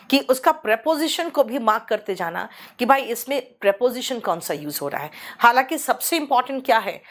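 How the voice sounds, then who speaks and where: A woman with a Hindi accent teaching an online English class from a small studio, explaining patiently and saying the English examples slowly. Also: fairly high pitch. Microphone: studio microphone.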